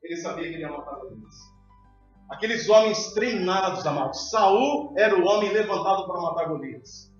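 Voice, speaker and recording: A man preaches as pastor in a church hall, his high voice expressive and his pace moderate, calling out again and again to the congregation with emphasis. The sound is distant and dull in an echoey hall, with faint music behind.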